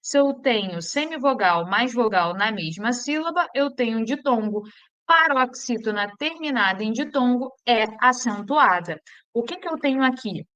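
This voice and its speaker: A woman teacher with a Brazilian accent giving an exam-prep grammar lesson. She drills students with repeated questions and slows down to spell out each rule. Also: fairly high pitch, lively intonation, fairly bright tone. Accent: Brazilian Portuguese.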